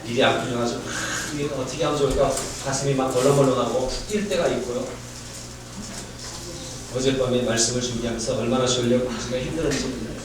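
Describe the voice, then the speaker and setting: A male pastor giving a conversational sermon, quizzing the congregation with rhetorical questions and moving between lively raised passages and quiet asides. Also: mid-range voice, fast talker. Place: church sanctuary. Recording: very echoey church, mic far off.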